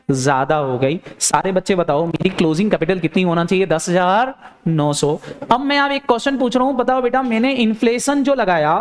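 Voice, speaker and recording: A man teaching an accounting class in a lecture style, firing questions at students and answering them himself in a lower voice. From India. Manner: urging, repeats phrases for emphasis.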